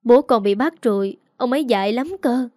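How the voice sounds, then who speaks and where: Woman doing a gentle worried mom, soft, mellow dry voice. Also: on the high side, normal speed, dry recording, natural voice. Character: worried gentle middle-aged mother.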